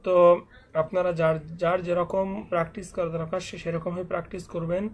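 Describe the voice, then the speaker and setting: A man's voice: high voice, little pitch movement, a little fast. A man teaching an online reading lesson, spelling out letters and syllables one by one and patiently repeating them for learners.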